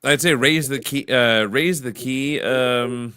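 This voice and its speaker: A baritone livestream host takes his time, his voice pushed and bright as he rambles through casual chat packed with crude jokes and filler words. The recording is dry and clean, with studio-quality sound.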